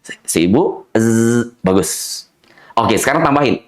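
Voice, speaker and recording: A man's voice: fairly low pitch, measured pace. A man, a Quran recitation teacher, telling teaching stories in a casual conversation and imitating his students' mispronunciations. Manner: animated, mimics students' mispronunciations, laughs often.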